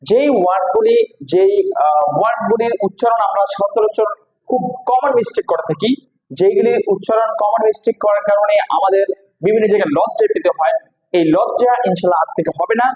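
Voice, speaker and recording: A man with a Bangladeshi accent teaching English pronunciation, repeating each word slowly and quizzing the listener. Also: high-pitched, darkish tone, roomy sound, lo-fi sound. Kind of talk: spoken classroom lesson.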